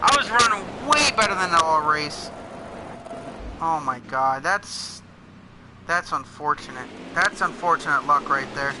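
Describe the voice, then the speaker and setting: A man hosting a gaming video, giving casual, excitable commentary that talks through every moment of his play. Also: on the high side, a little slow. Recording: clear engine noise under voice. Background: racing game car engines.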